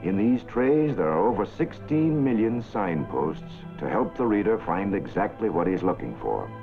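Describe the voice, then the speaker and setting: A man narrating an old newsreel in a formal, measured announcer delivery, with the sound of an old film soundtrack. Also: lowish voice, big pitch swings. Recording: tinny lo-fi 1940s film soundtrack with music.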